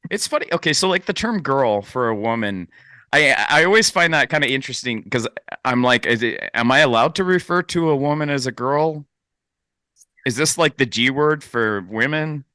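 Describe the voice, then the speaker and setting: A man's voice: medium pitch, expressive, moderate pace, bright, forceful tone, clear, resonant tone, no room sound, clean studio sound. A man chatting casually on a podcast, rambling with hesitant restarts and frequent laughs. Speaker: podcast host. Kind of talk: casual chat.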